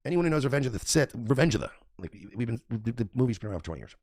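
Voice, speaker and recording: A man's voice: mid-range voice, very animated, very fast, darkish tone, slightly rough, no echo, studio quality. A man hosting a radio show, ranting in a profane, mocking, repetitive way. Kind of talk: ranting commentary.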